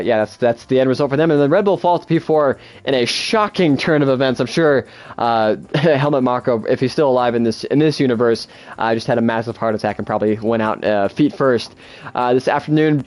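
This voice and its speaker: Excitable young man narrating his racing game. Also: mid-range voice. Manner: excitable, swears freely, many fillers. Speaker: gaming YouTuber. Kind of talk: casual gameplay commentary.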